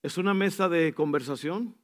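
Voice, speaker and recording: High-voiced man preaching with animated swings. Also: normal speed. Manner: animated, acts out scenes with sudden shifts between soft and loud; drops in English phrases. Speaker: pastor. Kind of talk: sermon.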